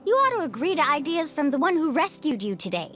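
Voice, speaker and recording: An outgoing young woman serves as a guide in a video game, speaking fast in a high, lively voice over soft music. She's upbeat and encouraging, with a playful mood.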